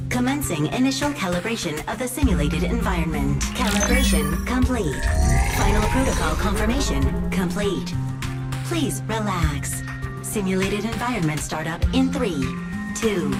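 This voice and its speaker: A woman voicing the calm female computer system of a treatment pod as it boots up. She gives automated announcements in an even, formal way. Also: mid-range voice. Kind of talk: video game cutscene voice acting.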